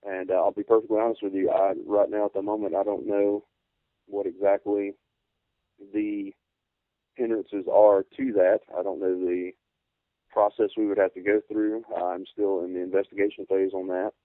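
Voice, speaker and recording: Polite measured guy, low flat voice, halting interview talk, phone line sound. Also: dry recording. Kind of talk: conversational interview. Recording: narrow phone-like radio sound.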